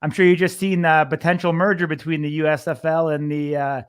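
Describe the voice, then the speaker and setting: Male sports interviewer, slightly high voice, conversational, wordy and rambling with his questions. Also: flat delivery, a little fast, clean tone.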